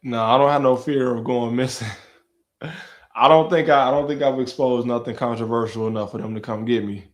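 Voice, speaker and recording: A young man in his twenties, hosting a casual live stream, talking slangy and relaxed while answering chat and talking to his dog. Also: mid-range voice, moderate pace. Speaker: livestream host.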